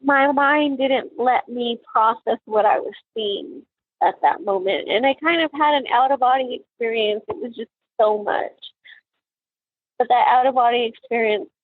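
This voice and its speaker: A middle-aged woman, a grieving mother, recounting a painful memory in an interview, halting and emotional with many pauses and fillers. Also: on the high side, slightly rough, dry recording. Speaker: mother of a murder victim. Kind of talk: personal account in an interview. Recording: tinny phone-like sound.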